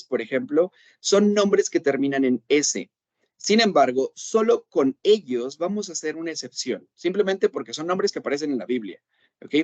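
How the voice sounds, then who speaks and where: A man's voice: fairly high pitch, darkish tone, no echo. Patient male English teacher, dry sound. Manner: patient, repeats "¿ok?" to check understanding; slows down to say English examples. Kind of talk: online class explanation in Spanish.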